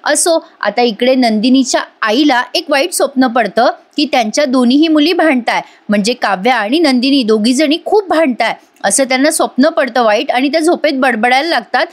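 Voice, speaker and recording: A woman's voice: high-pitched, animated, fairly quick, few pauses. A woman narrating a voice-over review of a TV serial episode, emotive and speaking directly to her viewers.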